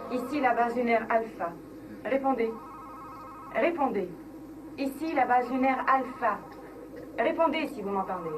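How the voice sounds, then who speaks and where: An actress playing a steady woman radio operator on a moon base in a dubbed science-fiction series, with formal, repetitive calls. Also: fairly high pitch, a little slow, long pauses, background noise. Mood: insistent, controlled. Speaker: communications officer. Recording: music behind the voice.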